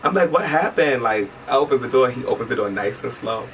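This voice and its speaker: A man telling a personal story in casual chat, animated and quick to laugh, swearing freely. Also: mid-range voice. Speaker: interviewee telling a shared story. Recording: distant mic with faint background noise.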